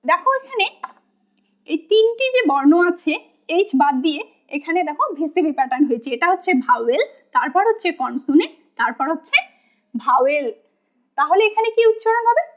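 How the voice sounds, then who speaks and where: A woman teaching English phonics, spelling out words letter by letter at a slow, patient pace and asking questions she then answers herself. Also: high voice, big pitch swings. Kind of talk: phonics lesson. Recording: dull lo-fi sound.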